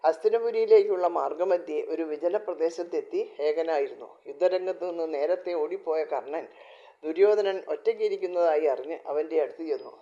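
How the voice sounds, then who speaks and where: A man narrating an epic tale in a calm, measured scripted reading. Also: a little high, dull audio. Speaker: storyteller.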